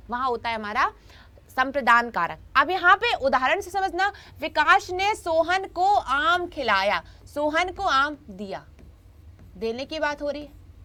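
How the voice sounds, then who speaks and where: High bright-voiced woman teaching. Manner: repeats points and keeps checking in with students. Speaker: Hindi grammar teacher. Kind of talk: online class lesson.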